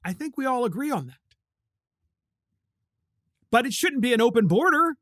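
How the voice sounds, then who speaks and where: A man's voice: extremely high pitch, big pitch swings, moderate pace, pushed and bright, no echo, clean studio sound. A man hosting a political commentary podcast, talking emphatically with indignant, sarcastic asides. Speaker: podcast host.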